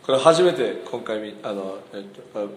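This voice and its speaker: A man preaching a sermon as pastor, animated, often asking the congregation questions and acting out quotes. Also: lowish voice, normal speed, noisy background. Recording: echoey hall.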